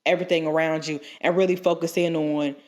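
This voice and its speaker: Talking fast in a low, darkish voice with a level tone, a young woman co-hosts a casual advice podcast. She is stuffed up from a cold and rambles, full of fillers and restarts.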